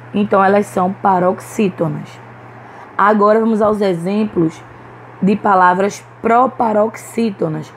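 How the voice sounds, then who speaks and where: A Brazilian Portuguese–accented woman teaches young children in a recorded online class, patiently splitting words into syllables. This primary school teacher has a medium-pitched voice, and the poor audio includes slight background noise.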